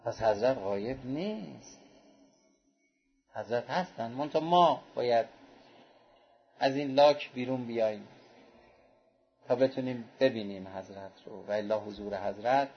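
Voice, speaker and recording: A man's voice: long pauses, lo-fi sound. A man preaching a sermon, telling anecdotes and acting out the people he quotes. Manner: storytelling, acts out quoted speech with raised pitch.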